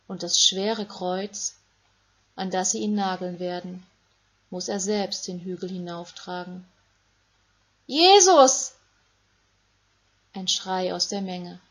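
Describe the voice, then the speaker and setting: Slow, breathy woman reading a story. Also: medium pitch. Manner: calm, measured, short phrases. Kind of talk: scripted Bible story narration for children.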